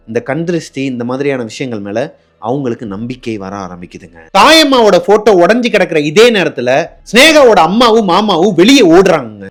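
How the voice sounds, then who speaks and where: Lively man telling a horror story. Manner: acts out dialogue, drops low and quiet for suspense. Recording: faint background music.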